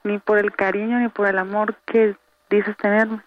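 A woman's voice: mid-range voice, flat delivery, moderate pace, no echo. A woman with a Mexican accent pleading emotionally with a partner over the phone. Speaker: caller playing a prank on a partner. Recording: radio phone call with music behind.

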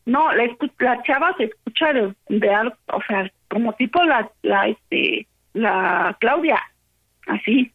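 A woman's voice: a little high, slow pace, breathy edge. A woman with a Mexican Spanish accent, upset and agitated, telling a friend over the phone about an argument and acting out both sides. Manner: animated storyteller, quotes both sides. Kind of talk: casual phone chat, retelling an argument. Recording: tinny phone line.

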